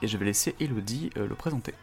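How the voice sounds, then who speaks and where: A man's voice: fairly low pitch, expressive, fast talker, music in the background. A man hosting a casual podcast, introducing topics with crude, joking banter. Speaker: podcast host.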